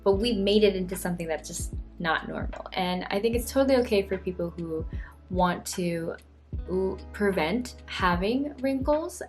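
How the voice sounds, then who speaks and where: A young woman in her twenties speaks earnestly in a reflective personal vlog, her voice sitting at an ordinary middle pitch. She talks in a soft, thoughtful way, with a quiet guitar track playing under her words. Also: lively intonation, normal speed. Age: 20s. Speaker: vlogger.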